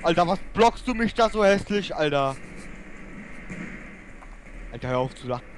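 A man raging and swearing at opponents while playing an online shooter, yelling in outbursts and muttering low in between. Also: expressive, moderate pace, slight background noise. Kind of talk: raging gameplay commentary.

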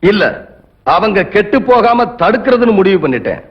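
Casting: defiant young idealist, high-voiced and moralizing, dramatic film delivery, slightly muffled old soundtrack. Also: male voice, sing-song, moderate pace. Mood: resolute. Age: young adult. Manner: firm, moralizing, challenging. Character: defiant, righteous young male champion of the poor. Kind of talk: dramatic Tamil film dialogue.

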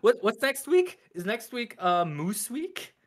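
A man's voice: very high voice, very animated, measured pace. A man co-hosting a podcast, chatting casually, laughing often and drifting into tangents. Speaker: podcast co-host. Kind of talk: casual chat.

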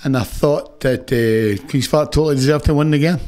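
A Scottish football manager in his sixties gives a blunt, irritated post-match interview in an indoor press room, standing before a sponsor backdrop. His fairly high, darkish voice comes quickly into a stand mic set close in front of him.

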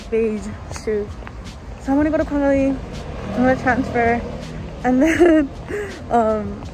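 Young woman vlogger, somewhat high voice, chatty and giggly, handheld camera on the move, music under her. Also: rough recording. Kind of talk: casual vlog chat to camera. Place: home kitchen, then streets, subway station and shops. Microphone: handheld camera at arm's length.

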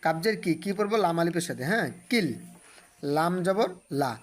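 In a high-pitched, expressive voice, a man teaches Quran reading. He slowly spells every letter and vowel mark, then draws out the blended syllables in a recitation tone.

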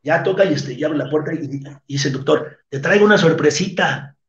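A man's voice: on the high side, fairly quick, fairly bright tone. A man with a Mexican accent, a wrestler guest in an interview, tells a rambling, crude, slang-heavy story and acts out the voices of the people in it. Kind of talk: casual storytelling. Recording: roomy, muffled lo-fi sound.

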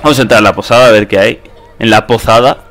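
A man's voice: lowish voice, steady tone, fast, a bit bright, faint music behind. A young man with a Spain Spanish accent, giving casual let's-play commentary. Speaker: gaming video host.

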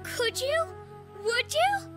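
A woman's voice: very high-pitched, lively intonation, slow, over music, exaggerated voice. A woman voicing a brash young girl in a children's cartoon who is blunt and rowdy but learning to be polite. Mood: eager. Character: brash girl, quick-tempered then sheepish.

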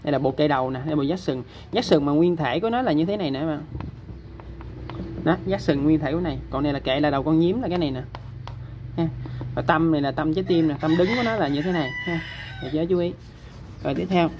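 A man's voice: a little high, quick pace, long pauses, noisy background. A man with a Southern Vietnamese accent teaching kanji step by step, patiently checking in with his listeners as he explains. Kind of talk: step-by-step lesson.

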